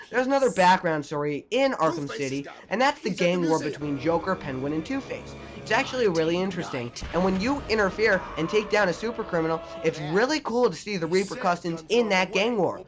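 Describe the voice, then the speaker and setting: A man's voice: high-pitched, expressive, a little fast, music in the background. A young man narrating a scripted video game review, enthusiastic and jokey with mild swearing. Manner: enthusiastic, jokey, mildly profane.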